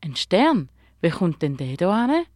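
A woman's voice: medium pitch, very animated, normal speed, dry recording, studio quality, natural voice. A woman voicing a curious, helpful young girl who asks eager, wondering questions in a storybook tale. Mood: astonished.

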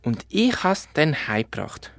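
A man with a Swiss German accent voicing an eager, cheerful little bear cub in a children's story, talking in an excited, breathless kid voice. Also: on the high side, normal speed, gravelly, no room sound, voice pushed up.

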